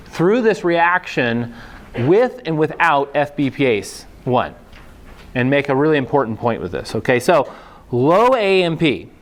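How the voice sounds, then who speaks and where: Male professor, casual lecture delivery, frequent "okay?" check-ins, playful asides. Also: mid-range voice. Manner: digresses into joking asides. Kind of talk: university biochemistry lecture.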